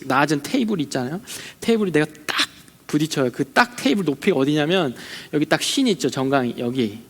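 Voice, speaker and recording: A man's voice: a little high, a bit bright. A young adult man, a junior pastor, giving a sermon at a young adults service. He talks conversationally, tells personal stories, and acts out quoted complaints and prayers. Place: church hall. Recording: long hall reverb.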